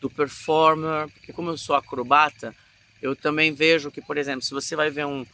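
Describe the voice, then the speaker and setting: A man from Brazil with a Brazilian Portuguese accent, giving a casual acting lesson in an animated way and showing emotions as he talks. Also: on the high side, a little fast. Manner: animated, demonstrates emotions mid-talk. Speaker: acting teacher.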